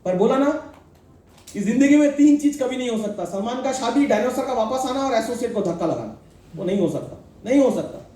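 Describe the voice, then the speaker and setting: A man's voice: very high-pitched, animated, brisk, mellow, distant mic. A middle-aged man giving a preachy motivational talk to a team, often quizzing the crowd and cracking jokes. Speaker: motivational speaker addressing a sales team. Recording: very echoey hall.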